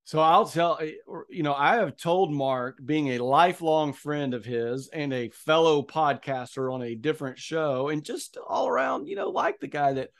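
A middle-aged man hosts a podcast and talks in a loose, chatty way, teasing and repeating himself. His voice sits a little high for a man. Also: animated, moderate pace, gravelly, hardly any pauses. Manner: joking, chatty, repeats phrases. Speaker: podcast host. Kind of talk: casual interview chat.

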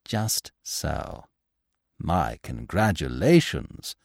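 A man reading the lines of a cool, sarcastic gentleman thief. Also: very deep voice, big pitch swings, very slow, vocal fry, dry recording, studio quality, heavily acted.

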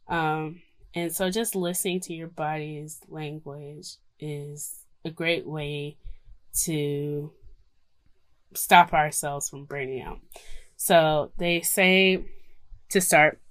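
A woman's voice: deep voice, a bit bright, dry recording. A woman co-hosting a podcast, informally mixing casual chat with self-care advice read aloud. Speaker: podcast co-host.

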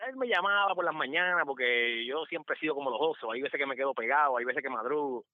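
A man's voice: medium pitch, fast talker. A man telling funny work stories on a podcast, animatedly acting out the people in them. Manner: animated, acts out other people's voices. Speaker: podcast guest storyteller. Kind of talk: comic storytelling. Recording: slightly dull, dry podcast mic.

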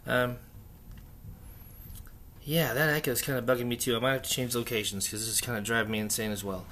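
A man hosting a casual, unscripted solo hobby chat, thinking aloud haltingly in an echoey, stripped-out bunker room. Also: medium pitch, fairly even intonation, a bit bright, slight background noise. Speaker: podcast host. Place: echoey indoor room under renovation, torn-out walls.

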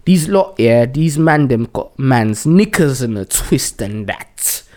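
A man's voice: mid-range voice, expressive, slow pace, a little mellow. A young man hosting a casual podcast, bantering in London roadman-style slang and repeating words for emphasis. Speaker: podcast host.

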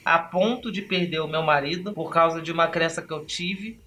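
A man hosting a podcast who tells a story in a lively way and acts out the dialogue. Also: fairly high pitch, moderate pace, slight background noise. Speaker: podcast host and trainer. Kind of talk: storytelling talk.

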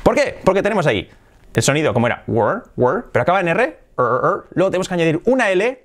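A man teaching English pronunciation in an animated, playful way, exaggerating his demonstrations. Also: high-pitched, rapid-fire. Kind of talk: energetic online English lesson.

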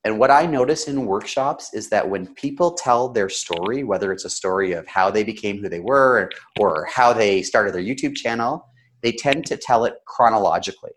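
A man's voice: fairly low pitch, a little hiss or hum. Man coaching with a storyteller's practised delivery. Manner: practised storyteller's delivery with emotion and deliberate pauses. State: slightly sick. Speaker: storytelling coach and interview guest. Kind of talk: conversational coaching, explaining with examples.

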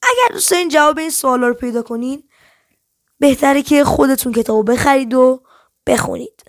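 A woman hosting a book podcast, reading a children's detective story aloud and speaking to listeners in a friendly, expressive way. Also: sits high. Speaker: podcast host and book reader.

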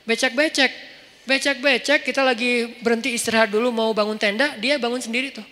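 A man preaching in a casual, storytelling way with a light touch, acting out dialogue with lively shifts of voice in a large mosque hall. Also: extremely high pitch, fairly quick. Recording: long hall reverb.

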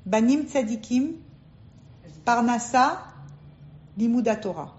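A woman's voice: a little high, expressive, takes it slowly, a little mellow. A woman teaching a religious class to a group of women, emphatic and asking and answering her own questions. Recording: dull lo-fi recording.

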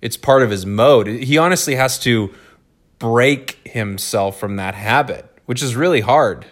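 Podcast co-host, man, easygoing and conversational, middle pitch. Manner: relaxed, drops quick joke voices. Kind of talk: casual chat, reading a listener letter.

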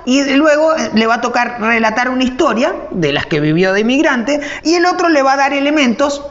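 A woman's voice: sits high, expressive, a little fast, dull audio. A woman co-hosting a casual chat, teasing and playful as she talks.

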